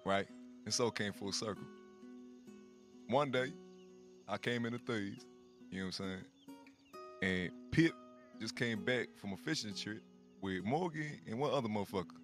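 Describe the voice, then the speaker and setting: A man with a somewhat low voice rambles through improvised role-play wedding vows, swearing freely and leaning on the same filler phrase over and over. Music plays clearly behind him. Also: moderate pace, pauses often, fairly bright tone. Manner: rambling and profane, repeats "you know what I'm saying". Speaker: roleplayer playing the groom. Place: online game roleplay session.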